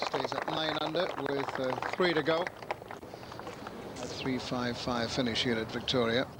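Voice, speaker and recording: A man's voice: medium pitch, steady tone, unhurried. A man giving live golf commentary, describing each shot and score. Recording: very loud outdoor noise behind.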